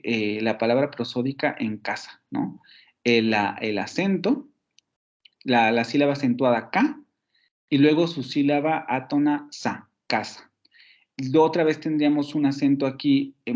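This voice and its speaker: A man's voice: mid-range voice, darkish tone. A Mexican man teaching a university phonetics class, explaining patiently, repeating words and correcting himself as he goes. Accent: Mexican Spanish. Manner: patient, repeats and self-corrects, fillers like "ujú". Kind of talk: online lecture explaining on slides. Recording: slightly muffled lo-fi recording.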